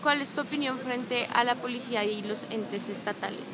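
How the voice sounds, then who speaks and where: In a city park, a woman conducts a street interview, rephrasing her questions to probe for answers amid a noisy crowd. Her voice is on the high side at a moderate pace, and the audio quality is poor.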